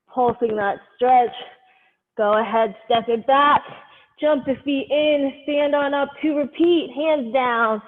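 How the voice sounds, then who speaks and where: Woman teaching a live workout on a headphone mic, high voice, dull muffled sound, calls out moves step by step. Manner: directive, step-by-step cueing. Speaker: fitness instructor leading a live workout class. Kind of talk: live group exercise instruction. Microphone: headphone microphone. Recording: muffled lo-fi headset sound, long reverb.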